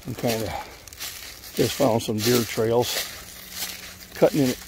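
An older man walking through woods, rambling in a relaxed way to a phone at arm's length. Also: mid-range voice, a little slow, noisy background. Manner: rambling, relaxed, thinking aloud while hiking. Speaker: vlogger. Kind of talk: casual walking vlog. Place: outdoors in woods. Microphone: phone held at arm's length while walking.

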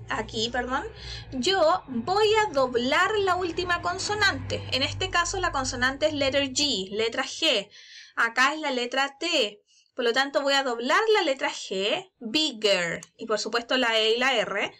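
A woman's voice: high-pitched, sharp tone. A woman with a Chilean Spanish accent teaching an English grammar lesson in a recorded online class, explaining step by step and checking in with her students often. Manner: explains slowly, checks in with "¿ya?" and "¿cierto?".

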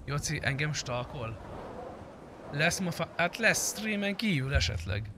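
This game streamer has a voice on the high side with a sing-song quality. He gives casual live commentary on a roleplay game, talking to his viewers and friends in slang and swearing, over a clearly noisy background.

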